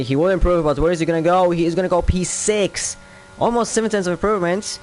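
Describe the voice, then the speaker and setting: A young man with a Polish accent calls a sim racing qualifying session live. His voice sits on the higher side for a man. He muses aloud between laps, then jumps up in energy each time a new lap time comes in. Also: a little hiss or hum. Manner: lifts sharply and speeds up on lap times, otherwise thinks aloud. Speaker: sim racing league commentator. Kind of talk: live esports race commentary.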